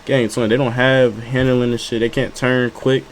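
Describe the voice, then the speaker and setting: A man's voice: mid-range voice, flat delivery, moderate pace, a little hiss or hum. A man giving casual reaction commentary, joking and rambling in slang and repeating himself. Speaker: streamer reacting to videos.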